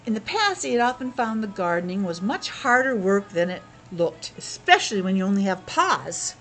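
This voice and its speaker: The audio is poor, with soft music playing behind a woman whose mid-range, slightly bright voice swings widely in pitch at a normal pace. She is a teacher sharing a picture book aloud with young children, interrupting the story for casual asides, questions and explanations.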